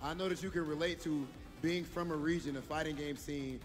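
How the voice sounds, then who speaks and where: A man asking a tournament champion measured, earnest questions on stage. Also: a little high, steady tone, faint music behind. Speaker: onstage interviewer. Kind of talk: tournament winner interview.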